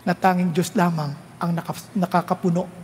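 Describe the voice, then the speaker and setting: A man with a Filipino accent preaches to his congregation in a high, carrying voice. The sound rings with the long reverb of a large hall. He asks his listeners questions, reads verses slowly and low, and lifts to a near shout when he presses a point. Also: little pitch movement, a little hiss or hum. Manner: quizzes the congregation, reads scripture slowly and low, rises loud when urging. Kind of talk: sermon.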